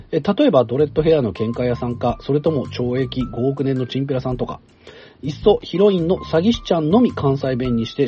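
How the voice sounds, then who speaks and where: A man hosting a radio talk show, reading listener mail aloud in a chatty manner with casual asides. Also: on the high side. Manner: chatty and animated, with asides and laughs. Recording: dull broadcast sound, faint music behind.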